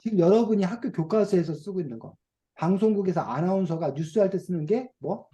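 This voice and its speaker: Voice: medium pitch, brisk, dark tone, lo-fi sound. A teacher running an online reading class for children over a video call, asking questions and playfully acting out dialect phrases.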